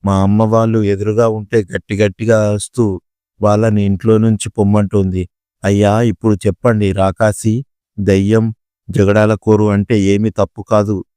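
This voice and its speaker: A man voicing a hot-tempered young husband who hurls insults slowly and emphatically while reading the story. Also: lowish voice, little pitch movement, dark tone, smooth, dry recording, clean studio sound, close to an everyday voice. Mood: angry.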